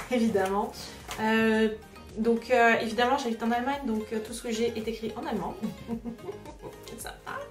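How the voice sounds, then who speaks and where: A woman's voice: a little high, far from the mic. A woman hosting a casual craft unboxing vlog, chatty and hesitant, with many filler sounds. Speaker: craft vlogger host. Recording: roomy echo, voice away from the mic, music behind. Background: background music.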